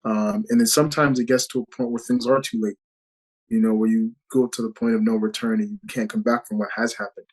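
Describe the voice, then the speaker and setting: A man's voice: on the low side, flat delivery, fairly quick, rough recording. A man being interviewed as an actor over a video call, talking in an earnest, reflective way with many "you know" fillers. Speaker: actor guest.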